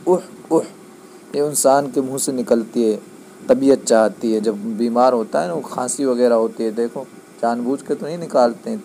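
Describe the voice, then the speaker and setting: Patient male teacher, mellow voice. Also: mid-range voice, a little hiss or hum, low-quality recording. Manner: patient, repeats key points, checks understanding. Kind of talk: classroom lesson explanation.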